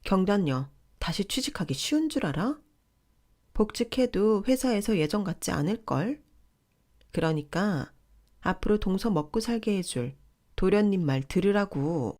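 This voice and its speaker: A woman voicing a pushy, condescending older sister-in-law who scolds in a shrill, entitled way. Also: expressive, a little slow, a little mellow, close to an everyday voice. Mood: scolding.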